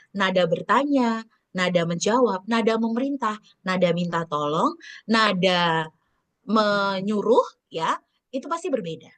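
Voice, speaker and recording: A woman leading a public speaking training over a video call, varying her pitch and volume on purpose and calling on participants by name in a chatty, teacherly way. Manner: lively, swings pitch and volume on purpose to demonstrate. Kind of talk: online training lecture.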